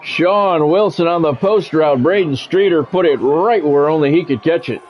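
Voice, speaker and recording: This American man's voice is on the high side and a little mellow, moving at normal speed. He gives live play-by-play of a football video game in clipped radio-sportscaster calls, chatting casually with stream viewers. A dull lo-fi mic with a little hiss or hum captures him over background music.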